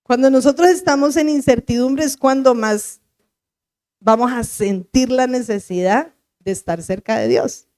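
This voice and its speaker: A woman pastor from Bogotá, Colombia, whose voice sits a little high with a darkish tone, preaches a sermon built around her personal testimony. She tells her story earnestly, slowing down and stretching out the key words she wants to land.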